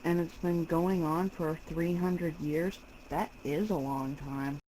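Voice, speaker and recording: A spoiled teenage alien princess, voiced by a woman, whiny and airheaded in a slightly low voice. It is comic audio drama with faint background noise. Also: fairly even intonation, slow pace, mellow, low-quality recording. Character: spoiled, questioning teenage daughter of a space emperor. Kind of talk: comedic audio drama acting.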